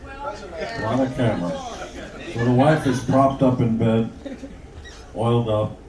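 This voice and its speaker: A man's voice: mid-range voice, a little slow. A man telling bawdy jokes to a live crowd on a cruise ship, theatrical and playful with the audience. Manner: lively, theatrical storyteller who jokes with the audience. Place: event room on a cruise ship. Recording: distant, echoey, noisy hall.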